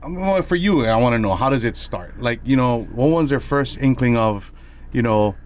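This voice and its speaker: A man's voice: mid-range voice, lively intonation, moderate pace, darkish tone. A man hosting a casual podcast, enthusiastic and curious, often repeating words as he asks questions. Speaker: podcast host. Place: podcast studio with red curtains. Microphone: headset and desk podcast mic.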